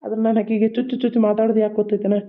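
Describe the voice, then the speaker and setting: Brief: quick-talking cartoon voice, lecturing, thin tinny phone-like sound. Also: mid-range voice, little pitch movement. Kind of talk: dialect cartoon voice acting.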